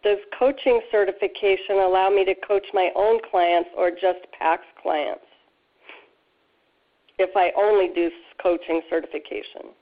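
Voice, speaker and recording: A woman's voice: mid-range voice, steady tone, moderate pace. A woman calling in on speakerphone, asking methodical, polite questions on a Q&A call. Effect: phone on speakerphone. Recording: tinny phone line on speaker.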